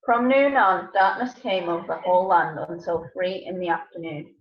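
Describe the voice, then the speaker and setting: A woman's voice: on the low side, expressive, moderate pace. A woman narrating a scripture passage as part of a dramatised reading. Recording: echoey room, slightly muffled.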